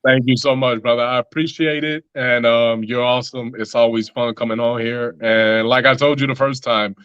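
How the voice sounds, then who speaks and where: A man's voice: mid-range voice, steady tone, normal speed, fairly bright tone, smooth, no echo, highs cut off. A man talking as a musician guest in a casual interview, loose and rambling with lots of filler words.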